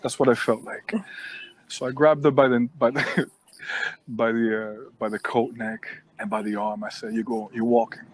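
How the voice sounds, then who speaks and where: A man hosting a show, telling a funny work story in a casual, animated way and acting out what people said. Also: medium pitch, normal speed, poor audio. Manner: animated, expressive, acts out quotes. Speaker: host.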